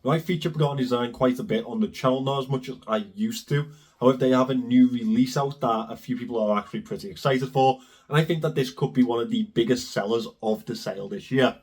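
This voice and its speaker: A man hosting a video review, hoarse from a cold, addressing viewers directly in a salesy, prepared way. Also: mid-range voice, fast, a little mellow. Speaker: YouTube watch reviewer and host. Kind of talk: scripted-sounding product review to camera.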